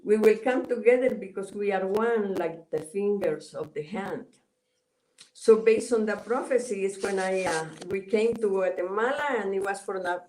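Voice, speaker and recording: A woman's voice: medium pitch, darkish tone, a little hiss or hum, low-quality recording. A woman from El Salvador with a Spanish accent, speaking English as a second language and answering interview questions over a video call, hesitant and full of fillers. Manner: hesitant, many filler sounds and restarts. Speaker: guest, Mayan elder. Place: home in Guatemala.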